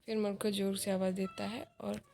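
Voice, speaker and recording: Flat-voiced woman reading a play. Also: medium pitch, brisk, gravelly. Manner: plain reading, speaker names read out. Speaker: literature tutor. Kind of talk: reading a play aloud with stage directions.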